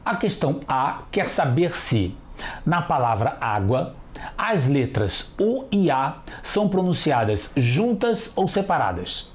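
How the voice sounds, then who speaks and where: A teacher leads a children's TV lesson at an unhurried pace. Each sound is spelled out with care, and the pitch rises and falls with a lot of lively movement. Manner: slow, careful, spells out sounds.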